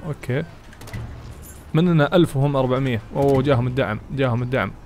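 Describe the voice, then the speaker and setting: A man giving excitable let's play commentary, chatting to his viewers and reading game text aloud as he plays. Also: medium pitch, quick pace, slight background noise. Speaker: gaming channel host.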